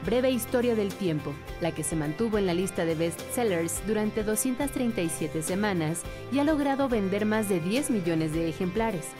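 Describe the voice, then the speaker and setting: A woman's voice: mid-range voice, lively intonation, moderate pace, hardly any pauses. A woman reading scripted documentary narration as the narrator. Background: music.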